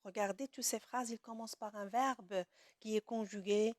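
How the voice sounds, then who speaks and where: A woman teaching a grammar lesson to children, speaking slowly and deliberately, stretching key words and praising often. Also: mid-range voice, steady tone, a little mellow, no room sound, studio quality.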